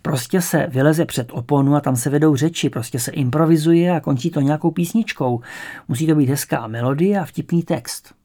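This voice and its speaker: A man voicing an eager, excitable schoolboy full of ideas, talking in a rushing way, in an audiobook. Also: on the high side, lightly acted.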